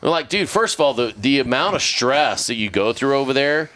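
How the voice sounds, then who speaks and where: A man's voice: medium pitch, lively intonation, fairly quick, fairly bright tone. A man in his fifties hosting a podcast, telling stories in heated, profane casual chat. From born in Greece to American parents. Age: 50s. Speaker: podcast host.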